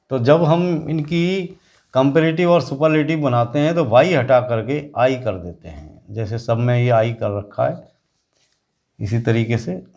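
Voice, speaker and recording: Slow, patient grammar teacher. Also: male voice, mid-range voice, a little mellow. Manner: slow, repetitive explaining with drawn-out word lists. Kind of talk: classroom grammar lesson.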